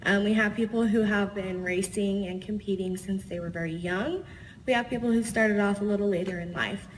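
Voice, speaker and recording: A woman's voice: medium pitch, steady tone, fairly quick, a little hiss or hum. A woman moderating a live athlete panel, upbeat and dotted with fillers. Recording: reverberant event hall.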